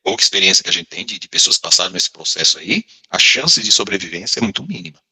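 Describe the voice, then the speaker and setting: A man acting as a pastor, explaining a spiritual teaching in a lively, explanatory way. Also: deep voice, fast, slightly rough, long reverb tail. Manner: explanatory, animated. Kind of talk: teaching commentary in conversation.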